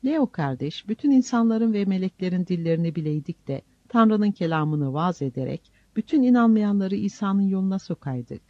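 A man doing a gentle frail friar. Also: high voice, expressive, normal speed, hardly any pauses, dry recording. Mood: earnest preaching. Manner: soft, pleading, earnest. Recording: dull lo-fi recording.

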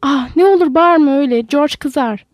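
A woman's voice: on the high side, brisk, mellow, dry recording, clean studio sound. A woman voicing a big simple-minded man who talks like a frightened child, pleading in a raised voice.

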